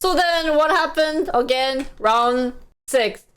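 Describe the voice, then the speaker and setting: A woman's voice: sits high, takes it slowly. A young woman YouTuber explaining a news story in casual, chatty commentary, playfully acting out the quotes. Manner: chatty, playful, acts out quotes in funny voices.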